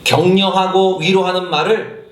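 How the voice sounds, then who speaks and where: High-pitched preaching man in an echoey church. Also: flat delivery, a little slow, a bit bright. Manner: impassioned, acts out his own prayers with rising pitch; addresses the congregation directly with questions. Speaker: senior pastor. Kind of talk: sermon. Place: church sanctuary.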